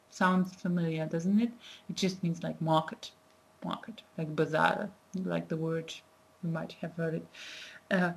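Sitting in a small room against a plain wall, a language teacher in her twenties, not a native Nepali speaker, chats through an informal lesson to a desk-distance webcam, thinking aloud with lots of fillers. Her lowish voice has vocal fry, and the recording is rough.

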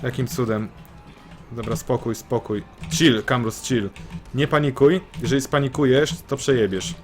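A man giving excitable let's-play commentary, swearing and repeating phrases in bursts. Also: medium pitch, normal speed, soft background music. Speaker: gameplay commentator.

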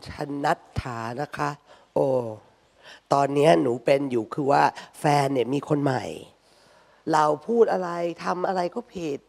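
A woman's voice: sits low, a little slow, creaky, a little mellow. A woman co-host respectfully reading listener questions on a live dharma talk show. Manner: respectful, reads questions, affirming. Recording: long hall reverb.

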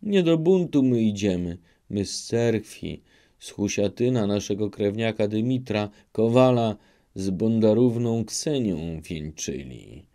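A man's voice: fairly low pitch, animated, a little slow, mellow. A man doing a humble old peasant elder. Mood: pleading. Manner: pleading, bowing, rustic speech.

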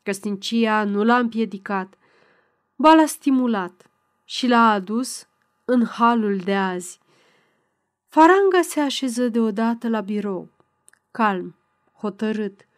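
A woman reads an audiobook in a steady, measured style. Her voice sits somewhat high and stays even through the narration. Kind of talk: scripted narration.

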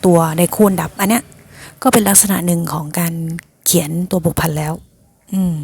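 A woman's voice: on the low side, a little fast, vocal fry, a little mellow, breathy edge. A woman teacher patiently explaining a math lesson to her students, often calling them "child" affectionately.

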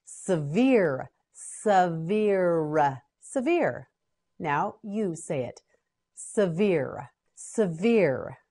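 Very slow woman drilling single words. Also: on the low side, a little mellow, breathy edge. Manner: repeats each word several times, short prompts to repeat. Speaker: pronunciation teacher. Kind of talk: slow word-by-word drill for learners.

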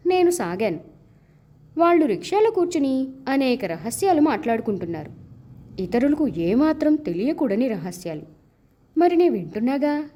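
Reading a literary short story for an audiobook, this high-voiced woman keeps an expressive, measured pace. The characters each get a distinct voice when they speak.

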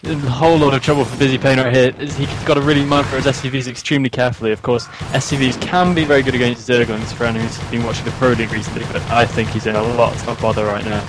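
A man's voice: mid-range voice, fairly even intonation, very fast, few pauses. A man co-casting a strategy game match, breaking down plays analytically, his voice coming through a glitchy, robotic-sounding call. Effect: robotic, glitchy voice call audio. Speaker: esports co-caster. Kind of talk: live game commentary. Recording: noisy voice call line.

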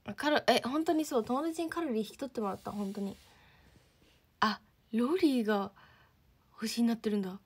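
A woman's voice: a little high, a little fast, pauses often, breathy edge. Chatty teenage girl livestreaming. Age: teens. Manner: chatty, reads and thanks viewer comments, drops to near-whispers. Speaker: idol livestreamer. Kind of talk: casual livestream chat.

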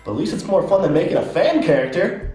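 A man's voice: sits high, big pitch swings, fast, darkish tone, very echoey, distant mic, faint music behind. A man hosting a comedy web show, sarcastically ranting about fan mail and swearing in exasperation.

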